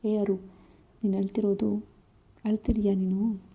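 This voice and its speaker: A woman's voice: mid-range voice, little pitch movement, a little slow, husky, highs cut off. A woman doing a teasing young husband. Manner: teasing, playful.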